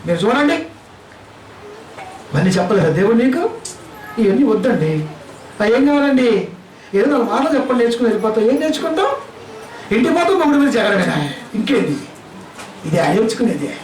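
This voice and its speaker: A man's voice: extremely high pitch, big pitch swings, normal speed, long pauses, reverberant, distant mic, slight background noise, low-quality recording. A male pastor with a Telugu accent preaching a sermon, scolding his listeners with a string of rhetorical questions.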